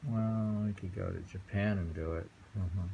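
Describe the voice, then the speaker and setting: A man with a low, gravelly, dark voice speaks at normal speed in a steady tone, with slight background noise. He reads poems aloud and chats casually as a reader and host, musing with hums and chuckles at his home in New York City on a rainy day.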